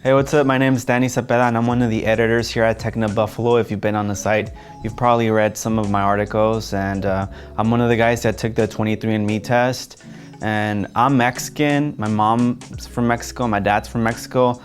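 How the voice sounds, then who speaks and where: Guy talking to camera, low flat voice, matter of fact, faint music. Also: brisk. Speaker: editor. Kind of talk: casual talk to camera.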